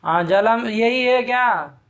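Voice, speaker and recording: A man teaching Sanskrit grammar in a live class, quizzing his students briskly and scolding them sharply when they answer wrong. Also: extremely high pitch, fairly bright tone.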